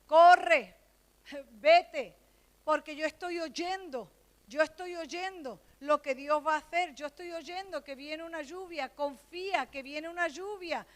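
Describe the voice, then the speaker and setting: A woman preacher voicing a bold male prophet who taunts and shouts. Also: high-pitched, takes it slowly, pitched above the performer's own voice. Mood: urgent.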